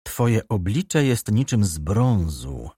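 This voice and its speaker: A man reading the part of a stern former journalist turned prosecutor in an audiobook, measured and quietly accusing. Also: lowish voice, big pitch swings, breathy edge, dry recording, studio quality, exaggerated voice. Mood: menacing.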